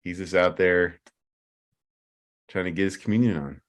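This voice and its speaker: A man with a very low-pitched voice chats casually as a podcast co-host. He tells jokes in a loose, rambling way, as if talking among friends. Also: normal speed. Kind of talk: casual joke-telling banter.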